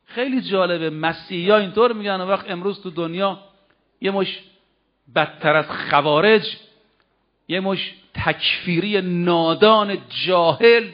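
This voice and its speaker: A man preaching a sermon, asking the audience questions and reciting verses slowly. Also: high voice. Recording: dull lo-fi recording.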